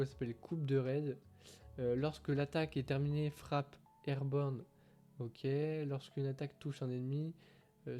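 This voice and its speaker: A man with a dark, mellow voice reads game patch notes in a relaxed streaming style, stumbling over English terms and filling pauses with "uh". Faint music plays in the background, and his pitch sits in the middle range. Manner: hesitant, many fillers, reads translated text aloud. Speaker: gaming streamer.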